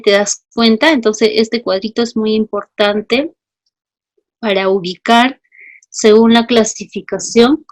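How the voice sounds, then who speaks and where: A woman teacher giving an online class, explaining slowly and patiently and often checking in with her students. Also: a little high.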